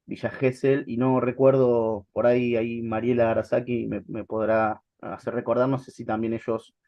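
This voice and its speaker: A man with an Argentine Spanish accent leads an online law class while fighting off the flu. He talks in a hesitant way and often repeats his words. His voice sits at an ordinary pitch, and the sound is dull and dry. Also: vocal fry, dry recording. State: has the flu. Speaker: course instructor.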